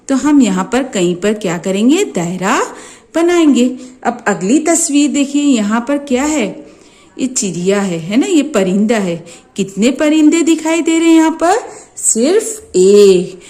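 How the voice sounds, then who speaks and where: A woman teacher with an Urdu-medium Maharashtra accent, slowly walking young children through a first-grade maths exercise, asking questions and answering them herself. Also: sits high, a little mellow. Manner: slow, sing-song questions answered by herself. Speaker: primary school teacher.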